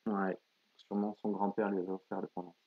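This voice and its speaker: A man's voice: low voice, fast, creaky, narrow, tinny audio. Man casually explaining a board game. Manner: relaxed, explaining rules. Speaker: co-host of a board-game channel. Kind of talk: casual live game chat.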